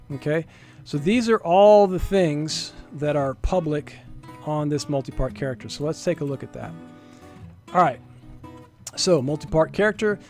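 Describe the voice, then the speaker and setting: Guitar music plays under this indoor screen-recording voice-over, where a developer casually walks through a programming demo step by step, emphasizing the key points. His voice sits on the high side and is a little mellow.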